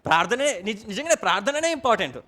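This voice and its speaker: A man's voice: high-pitched, big pitch swings, quick pace, pushed and bright. A man preaching a sermon to his church in a Telangana Telugu accent, often putting questions to the congregation and mixing in English words. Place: church service.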